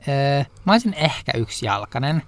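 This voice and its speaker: A relaxed young man co-hosting a podcast, with a voice of middling pitch. He reads out the questions and answers in an easygoing tone, often with short agreeing replies. The recording is dry and close to the mic. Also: no echo. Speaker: podcast co-host. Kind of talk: casual chat.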